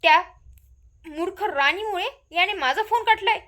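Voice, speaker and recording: A woman's voice: very high voice, moderate pace, bright, forceful tone. A woman voicing a jealous, pushy young woman in a retold story, talking in a demanding way.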